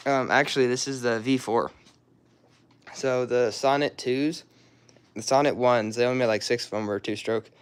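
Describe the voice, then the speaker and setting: Young male vlogger, hoarse, rambling and casual; drifts off mid-thought. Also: medium pitch, steady tone, moderate pace. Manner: rambling, loose and offhand, trails off mid-sentence. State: hoarse, throat-clearing, coughing. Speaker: car hobbyist showing his garage. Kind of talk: casual walkaround vlog.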